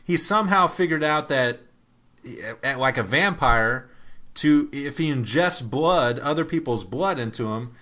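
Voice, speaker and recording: Lively, bright-voiced man on a podcast. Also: medium pitch, unhurried. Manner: animated, laughs often. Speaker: podcast co-host. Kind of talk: casual film review chat.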